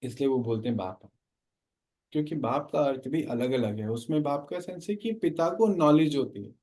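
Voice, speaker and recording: A man's voice: medium pitch, animated, moderate pace, mellow. A man teaching a spiritual class, explaining and often asking his listeners questions.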